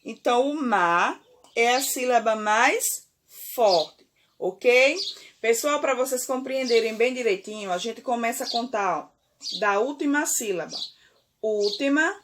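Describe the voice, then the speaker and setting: Brazilian woman primary teacher, unhurried, drawn-out words, keeps checking the kids follow. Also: on the high side, animated, fairly bright tone, slight background noise. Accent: Brazilian Portuguese. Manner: slow, deliberate, stretches key words, frequent "certo?" and "ok?". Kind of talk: remote classroom lesson.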